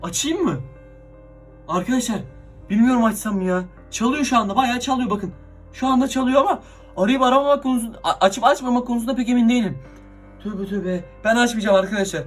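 A young man vlogging casually and excitedly, constantly talking to his viewers as he records himself. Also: very high-pitched, fast, faint music behind. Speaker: YouTuber. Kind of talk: casual horror prank vlog.

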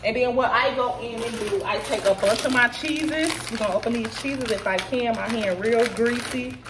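A fairly high-voiced woman talks viewers through a home recipe in a chatty, loose way, a little tipsy. She sits back from a camera across the kitchen counter, with clear room noise underneath. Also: moderate pace, far from the mic. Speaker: vlogger cooking at home. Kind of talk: casual cooking walkthrough. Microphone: camera set back at counter.

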